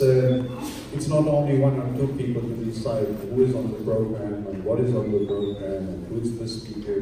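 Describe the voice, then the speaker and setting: A man moderating a conference and introducing the next speaker, halting often on uh. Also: lowish voice, background noise. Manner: halting, with many uh fillers. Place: large conference hall. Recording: echoey hall from far off.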